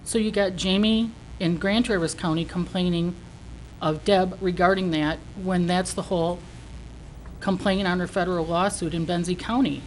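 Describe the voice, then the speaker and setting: Lower-voiced woman making an emphatic complaint. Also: fairly even intonation, moderate pace, low-quality recording. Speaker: citizen giving public comment. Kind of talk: prepared speech of complaint. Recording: faint noise, meeting room.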